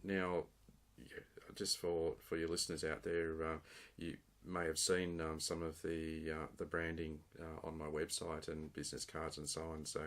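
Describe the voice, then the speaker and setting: A man's voice: extremely low pitch, monotone, normal speed, few pauses, fairly bright tone. A man hosting a casual interview, asking questions with frequent uhs and repeated words. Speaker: podcast host, interviewer.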